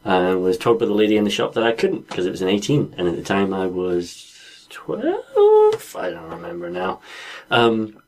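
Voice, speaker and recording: A man's voice: fairly low pitch, wildly swooping pitch, moderate pace, hardly any pauses, a little mellow, low-quality recording. A man co-hosting a podcast, telling stories and musing in casual chat with light laughs. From Scotland. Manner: thoughtful, storytelling, light laughs. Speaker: podcast co-host.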